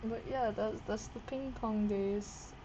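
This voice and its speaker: A woman's voice: mid-range voice, fairly even intonation, slow. A sleep-deprived woman vlogging in a casual, rambling way, swearing often and jumping from topic to topic. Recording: noisy background hiss.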